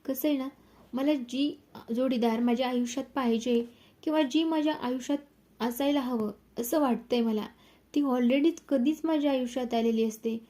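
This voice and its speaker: Earnest young man explaining his feelings plainly, mellow and level, read by a woman narrator. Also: sits high, fairly even intonation, normal speed, natural voice.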